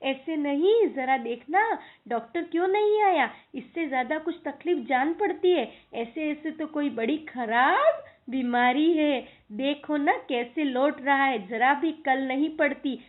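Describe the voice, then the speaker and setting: A woman's voice: high voice, unhurried. A woman voicing a worried mother who fusses over her sick little son with anxious questions. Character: worried fussing mother of a small boy. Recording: tinny phone-like recording.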